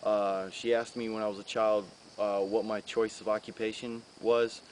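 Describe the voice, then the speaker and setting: A man's voice: fairly low pitch, flat delivery, moderate pace, roomy sound, a little hiss or hum, poor audio. A man in his thirties from the Bronx, a graffiti artist chatting in a casual interview, rambling with many fillers. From the Bronx, New York. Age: 30s. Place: outdoors.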